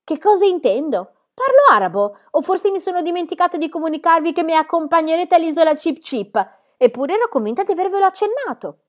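A woman voicing an exuberant, carefree young girl who talks loudly and teasingly in a storybook reading. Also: fairly high pitch, lively intonation, normal speed, lightly acted. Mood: gleeful. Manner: loud, gleeful and teasing.

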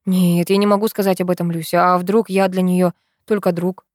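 A woman's voice: on the low side, flat delivery, moderate pace, a little mellow, dry recording, studio quality. A woman reading a first-person story aloud in an earnest, emotional way.

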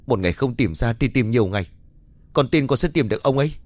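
A man's voice: medium pitch, lively intonation, fast talker, no room sound, pitched above the performer's own voice, natural voice. A man voicing a young son who pleads tearfully over his father's illness in a story. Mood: earnest.

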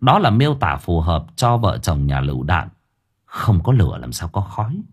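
A man's voice: low voice, very animated, normal speed, husky. A man narrating an audiobook story expressively.

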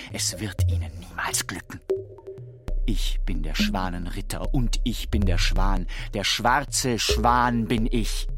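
A man's voice: fairly low pitch, natural voice. An actor playing a proud, tormented, deranged king in a theatrical, declamatory radio play monologue. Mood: grandiose, frantic outburst. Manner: theatrical, declamatory, swinging from whispers to outcries.

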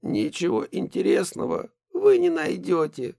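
A nervous, secretive son speaks in a gravelly, husky, resigned tone, as a male reader acts him out. The sound is close and dry. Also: high-pitched, wildly swooping pitch, a little slow, dark tone, no room sound, pitched above the performer's own voice, heavily acted.

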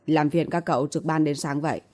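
A woman's voice: low voice, fairly even intonation, a little fast, darkish tone. A woman voicing a blunt, protective young man who scolds curtly, in an audiobook reading. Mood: calm. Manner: curt and scolding.

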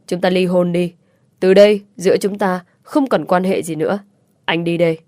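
A woman's voice: lowish voice, fairly even intonation, moderate pace, darkish tone, no echo, studio quality, close to an everyday voice. A woman voicing a cold husband walking out on his wife, speaking in a curt, dismissive way.

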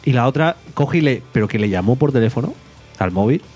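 Man, casual storytelling, mid pitch, faint guitar music. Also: a little fast, slightly rough. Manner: animated, laughing, shrill acted quotes. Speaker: podcast co-host.

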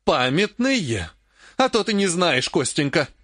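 A man reading an audiobook, voicing a furious, grasping old woman mage in a raised, shrill, scolding voice. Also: very animated, unhurried, fairly bright tone, no echo, clean studio sound, exaggerated voice. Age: older.

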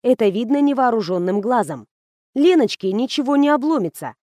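A woman reads an audiobook aloud in a brisk, wry manner, with a fairly high voice. Close mic, with a dry sound. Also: big pitch swings, mellow, no echo. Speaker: audiobook narrator. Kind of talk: audiobook narration.

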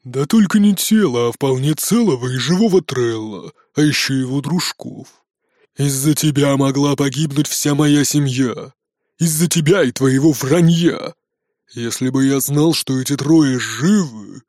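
A man doing a stern, low-voiced farmer. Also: a little slow, a little mellow, no room sound, natural voice. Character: stern, grave middle-aged male farmer. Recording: dry close studio audio.

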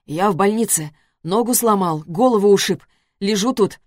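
A woman's voice: mid-range voice, normal speed, a little mellow, no room sound, clean studio sound, close to an everyday voice. A woman reading a story voices an injured grown man, pleading and bewildered. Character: injured, desperate middle-aged man.

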